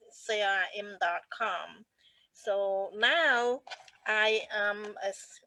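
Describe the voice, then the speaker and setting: A woman's voice: mid-range voice, fairly bright tone, no echo, poor audio. A woman tells her personal story as a guest speaker, earnest and often restarting her phrases. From Cambodia.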